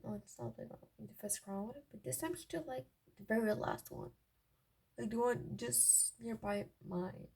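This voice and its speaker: This vlogger is a young woman sharing personal stories, chatting casually with giddy, gossipy energy and frequent self-interruptions. She speaks at a normal speed in a highish, steady, somewhat dark voice, captured on a clearly noisy, raw amateur recording with clicks.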